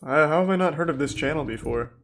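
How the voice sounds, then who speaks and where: A man's voice: fairly high pitch, fast talker, fairly bright tone, slight background noise. Dry-witted man on headset stream audio. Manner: dry, sardonic quips. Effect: livestream headset mic audio. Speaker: streamer reacting to a video. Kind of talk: live reaction commentary.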